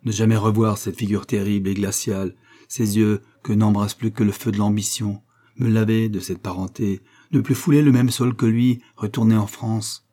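A passionate young idealist, voiced by a man reading aloud, speaking in impassioned bursts. The tone is low, dark and a little husky, only slightly raised from the narration. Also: level tone, normal speed, close to an everyday voice. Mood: bitter. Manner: impassioned outbursts.

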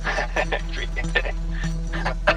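A man's voice: drawn-out words, over music, rough recording. A man with an Argentine accent reminiscing casually about making radio programmes.

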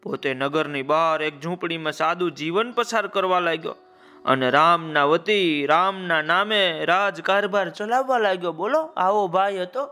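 A man's voice: fairly high pitch, pushed and bright. A man narrating a children's story, calling out to his listeners with folksy asides.

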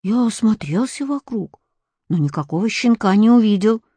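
A woman calmly reading a first-person children's story aloud. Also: medium pitch, breathy edge, dry recording. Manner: calm, unhurried first-person telling. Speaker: audiobook reader. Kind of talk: storybook narration.

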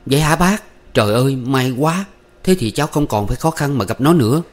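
A man's voice: medium pitch, moderate pace, voice pushed up, close to an everyday voice. A man voicing a nervous, pleading young man. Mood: eager. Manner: anxious, stammering.

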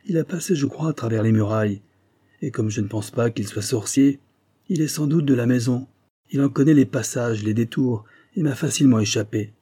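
A brash young sub-lieutenant exclaims in a raised, lively voice, as a male reader puts him on. The tone is husky and dark beneath the excitement. It sounds like a character in an audiobook. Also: medium pitch, brisk, natural voice. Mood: exasperated.

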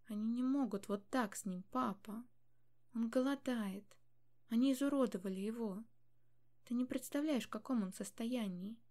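A desperate young woman from a storybook pleads and defies her father, loud and raw, her voice breaking. A woman acts her out in a mellow tone. The rise in pitch and volume comes and goes with every plea. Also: fairly even intonation, moderate pace, natural voice. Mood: pleading.

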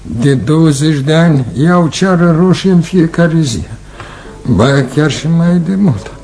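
An actor playing a very old, devoted manservant in a radio play, sighing and grumbling slowly. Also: male voice, a little high, lively intonation, dark tone, faint music behind. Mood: weary. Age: older. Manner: slow, sighing, mumbling complaints. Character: ancient male servant, weary, devoted, grumbling.

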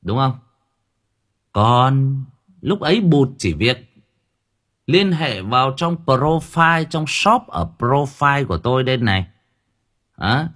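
Chatty husky man joking to viewers. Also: medium pitch, fairly bright tone. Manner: chatty, jokey, with many fillers. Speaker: livestream seller and storyteller. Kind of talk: casual comic story retelling to viewers.

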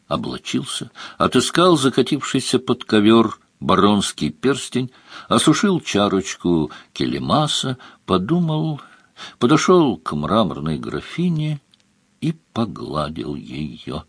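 A man narrating an audiobook, telling the story in an expressive, storytelling manner close to the mic. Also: deep voice, measured pace, breathy edge, no room sound.

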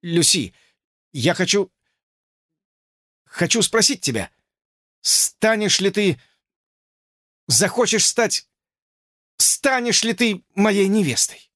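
Casting: a man doing an eager young suitor, insistent and stumbling, lively pitch, dry sound. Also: measured pace, no echo. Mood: pleading. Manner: insistent, flustered, stammering. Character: agitated, lovesick young man George.

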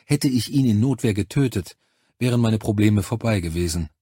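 A male audiobook narrator with a husky, fairly low voice, telling the story in the first person in a sober, measured way. The sound is dry and close to the mic, with no room around it. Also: lively intonation, warm tone, no echo.

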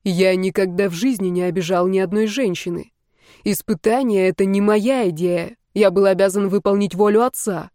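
A woman reading the part of a young male emperor who is smug and controlling, with a calm, measured delivery. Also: medium pitch, no room sound, studio quality, natural voice. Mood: cold assured.

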